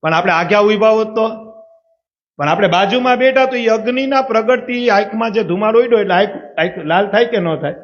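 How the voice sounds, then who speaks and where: Man, high voice, Saurashtrian accent, storytelling preacher at a religious gathering, muffled recording. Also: brisk. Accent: Saurashtrian Gujarati. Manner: asks the audience rhetorical questions. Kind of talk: devotional story sermon. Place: religious assembly.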